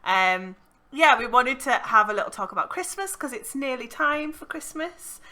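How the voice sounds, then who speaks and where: Bright-voiced woman chatting on a podcast. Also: high voice, lively intonation, normal speed. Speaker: podcast host. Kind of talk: casual podcast chat.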